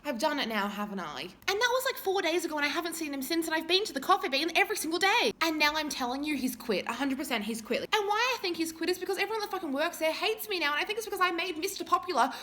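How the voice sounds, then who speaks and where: A young woman with a lisp chats through a storytime vlog in a high voice. Her pitch leaps and dips all over the place. She swears freely and laughs at herself. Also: lively intonation, rapid-fire, few pauses, pushed and bright. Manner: crude, swearing, self-mocking. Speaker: vlogger.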